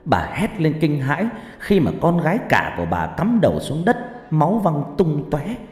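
A man with a low voice narrates a horror story dramatically, his pitch rising and falling widely. His voice rings with a long, echoing reverb. Faint music plays underneath. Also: normal speed. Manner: dramatic, lively delivery.

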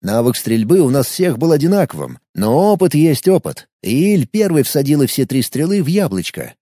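A man narrating an audiobook with animated, expressive storytelling. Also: medium pitch, normal speed, dry recording, studio quality.

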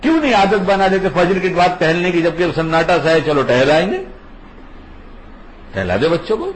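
An older man, a grandfather, gives an informal religious talk, teaching conversationally and emphatically while repeating his key points. His voice sits high with big pitch swings, and the recording is rough.

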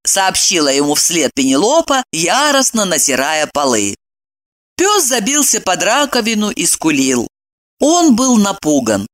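An audiobook reader narrating a comic story with lively, playful irony. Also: mid-range voice, measured pace.

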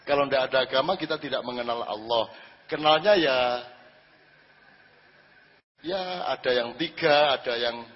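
A man's voice: mid-range voice, moderate pace, pauses often, husky. A man preaching to an audience, conversational, asking rhetorical questions and acting out quoted speech. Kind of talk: religious talk to a live audience. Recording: lo-fi hall recording.

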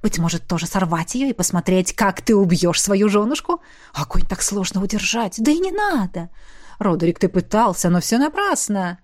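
A woman reading an audiobook, voicing a sly, spiteful male creature of chaos who taunts in a low whisper. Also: animated, normal speed, natural voice. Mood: taunting whisper.

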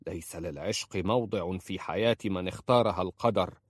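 A sharp-tongued, worried uncle scolds in a deep, dry voice, as a male narrator voices him. The storybook reading is close to the mic. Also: fairly quick, no echo. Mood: scolding. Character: stern worried older uncle, protective.

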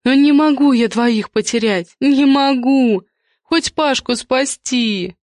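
A woman's voice: high-pitched, takes it slowly, darkish tone, dry recording, pitched above the performer's own voice. A frantic middle-aged mother, as a woman reader plays her pleads and moans in a raised voice. The reading is close and dry. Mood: desperate. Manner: pleading, moaning.

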